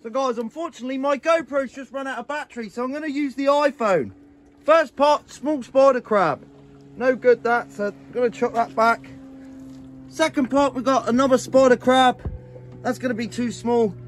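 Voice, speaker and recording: Talking at a normal pace in an extremely high voice, this man vlogs about fishing from a small boat, chatty and slangy, often addressing his viewers as guys. Faint music plays behind him, along with faint boat and outdoor noise, picked up noisily by an action camera or phone mic a few feet off.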